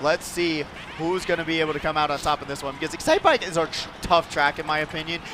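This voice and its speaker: A man giving excited play-by-play esports commentary, with quick, energetic calls and frequent exclamations. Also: fairly high pitch.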